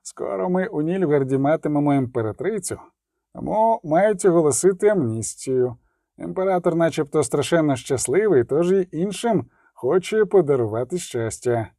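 A man voicing a calm, well-informed middle-aged merchant in an audiobook, explaining in a measured way. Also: fairly high pitch, no room sound, clean studio sound.

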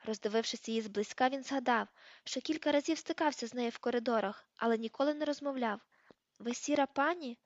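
A woman reading an audiobook aloud in a steady storytelling voice, in a dull, dry recording. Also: a little high, quick pace, no room sound. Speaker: audiobook reader. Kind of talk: audiobook narration.

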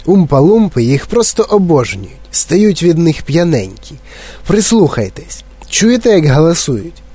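A man reading an audiobook, voicing an eccentric, excitable male candy-factory owner who talks in brisk, insistent exclamations. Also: fairly high pitch, slightly rough, voice pushed up, heavily acted. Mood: eager. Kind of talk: audiobook character voice.

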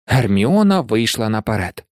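Audiobook narrator, animated storytelling, lively pitch, middle register, dry close recording. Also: normal speed, no echo. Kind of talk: scripted narration.

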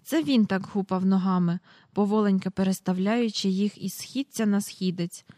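A woman reading a children's storybook aloud as an audiobook narrator, with an even storytelling delivery. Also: medium pitch, moderate pace, dry recording, studio quality. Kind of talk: scripted narration.

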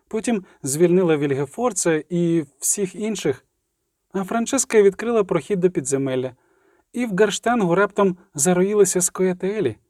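A man's voice: high voice, warm tone, no echo, studio quality. A man voicing a wounded sorceress who wearily recounts a bloody battle. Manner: weary, shaken, recounting. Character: wounded, exhausted female sorceress.

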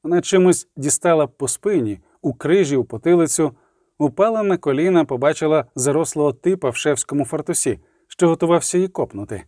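Dry, measured male audiobook narrator. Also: fairly high pitch, mellow, dry recording. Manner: measured, dramatic. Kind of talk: scripted dramatic narration.

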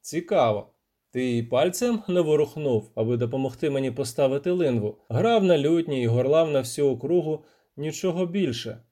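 A man's voice: fairly high pitch, expressive, moderate pace, warm tone. A man voicing a blunt, weary male monster hunter in an audiobook, dry and scolding. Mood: dryly scolding. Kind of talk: audiobook character voice.

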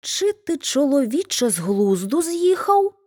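A sharp-tongued hedgehog wife from a storybook, as a woman reader puts her on. She bursts out high and incredulous, with her voice jumping about. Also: wildly swooping pitch, measured pace, exaggerated voice.

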